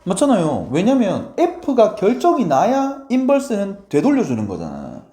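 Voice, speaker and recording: Animated Korean math teacher, wide pitch swings. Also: male voice, a little slow. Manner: playful, addresses students constantly, acts out quoted lines. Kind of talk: lively classroom lecture.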